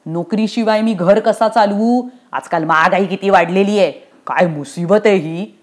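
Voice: medium pitch, moderate pace, close to an everyday voice. A reader voicing a harried male messenger of death who complains and pleads. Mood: complaining. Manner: complaining, self-pitying. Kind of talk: storytelling play reading.

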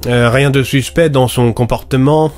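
A composed police inspector, played by a man in an audio story, courteous but firm. A mid-pitched voice over faint music. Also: steady tone, darkish tone, natural voice. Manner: polite and measured, turning commanding.

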